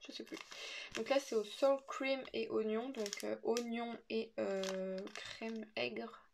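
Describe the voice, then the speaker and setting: A woman's voice: on the high side, steady tone, slow pace, creaky, noisy background. A woman casually unboxing a snack box on her vlog, hesitant and full of fillers as she reads the labels. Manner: hesitant, many "euh" fillers, unsure reading labels. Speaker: unboxing vlogger.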